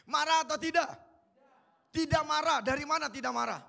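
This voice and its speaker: A man's voice: very high-pitched, fairly quick, creaky, sharp tone. A male pastor giving an interactive sermon in a colloquial way, quizzing the congregation with repeated questions.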